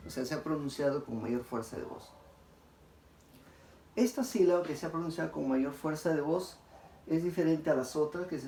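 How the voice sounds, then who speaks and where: A man lectures like a teacher at the front of a class, his voice a bit high and mellow. He drags out example words slowly and keeps checking in with his listeners. The room is echoey, with faint noise underneath.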